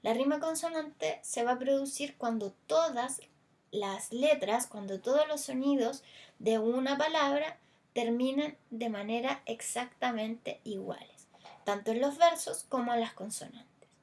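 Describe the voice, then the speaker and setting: A Chilean woman gives a recorded language lesson in a somewhat high voice. She walks through examples patiently, drawing out the stressed vowels of words to show them. Her explanation runs along with small hesitant fillers. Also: unhurried, darkish tone. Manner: stretches stressed vowels to demonstrate. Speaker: teacher.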